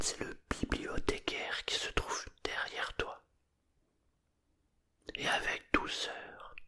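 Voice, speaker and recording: A narrator murmurs a bedtime story under their breath, the whisper airy and soft. Calm pauses break up the phrases, keeping everything hushed and soothing.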